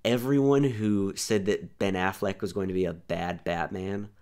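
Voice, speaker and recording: A man's voice: low voice, steady tone, normal speed, a little mellow, clean tone. A young man hosting a podcast in casual chat, rambling and restarting his sentences often. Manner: rambling, restarts often, says "here's the thing". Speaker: podcast host.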